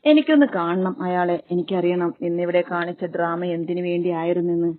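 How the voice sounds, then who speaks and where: A woman's voice: on the low side, normal speed, close to an everyday voice. A woman reading a romance story aloud, voicing a young bride who angrily demands answers. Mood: angry, demanding. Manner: forceful, demanding. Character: angry young bride confronting her family. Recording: dry, tinny phone-like sound.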